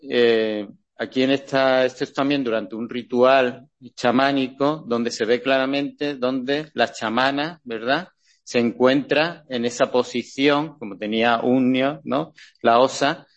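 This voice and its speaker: Halting male lecturer, slightly dull sound. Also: mid-range voice. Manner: halting, many restarts and checking questions. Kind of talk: classroom lecture with slides.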